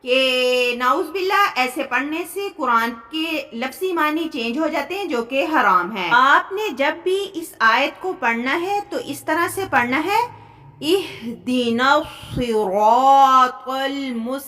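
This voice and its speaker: A woman with a Pakistani Urdu accent teaching Quran recitation in a recorded lesson, explaining common mistakes and slowing into drawn-out recited examples. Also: high voice, expressive, pushed and bright.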